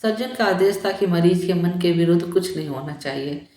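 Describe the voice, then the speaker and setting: A woman narrating a novel in a calm, measured audiobook reading. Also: lowish voice, reverberant.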